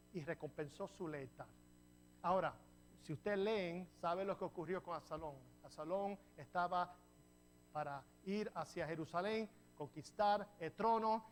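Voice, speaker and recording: A man from New Jersey preaching a sermon as pastor, telling the story in a lively way and putting rhetorical questions to the congregation. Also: high-pitched, slight background noise. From New Jersey, USA. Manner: jokes with the congregation.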